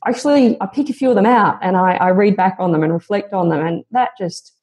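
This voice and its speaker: Mellow-voiced earnest woman guest. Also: medium pitch, fairly quick. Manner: earnest, motivational, reflective. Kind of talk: conversational podcast interview.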